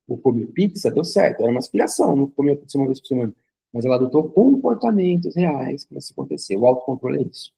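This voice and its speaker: Gravelly-voiced man teaching a class. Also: on the high side, mellow, poor audio. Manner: conversational, uses vivid hypothetical examples; frequent checking fillers. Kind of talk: recorded lecture.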